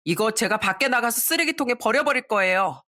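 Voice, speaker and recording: A woman's voice: fairly high pitch, animated, fairly quick, bright, forceful tone, voice pushed up. A woman voicing a defiant eleven-year-old boy who speaks up in a pointed, reproachful way.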